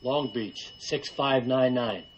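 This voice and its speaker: An actor plays a blunt, impatient tough man in a film drama. He is terse and insistent, with a mid-pitched voice over clear background noise. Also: slow, dull audio, close to an everyday voice. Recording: noisy film sound.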